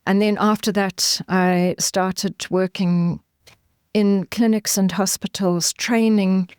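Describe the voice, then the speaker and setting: A middle-aged woman from Zimbabwe, a guest forensic anthropologist, giving measured, earnest interview answers with frequent pauses and ums. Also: medium pitch, steady tone, a little mellow, smooth, no echo, studio quality.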